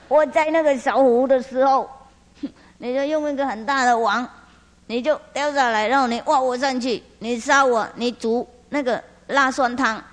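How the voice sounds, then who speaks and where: A woman's voice: sits high, fairly even intonation, unhurried, pitched above the performer's own voice. A woman voicing a whiny male dragon king who cries as he complains. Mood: insistent. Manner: whining, sobbing complaint. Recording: long hall reverb.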